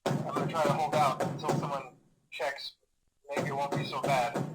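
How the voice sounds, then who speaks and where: A man's voice: mid-range voice, animated, normal speed, over loud music, poor audio. A man playing an awkward, rambling pizzeria employee who leaves nervously reassuring training messages through a telephone filter in a video game. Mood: uneasy, resigned. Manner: hesitant, rambling, filler-heavy, nervously reassuring. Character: awkward, falsely upbeat male pizzeria employee leaving phone messages. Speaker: company trainer. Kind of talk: recorded phone message, video game voice acting.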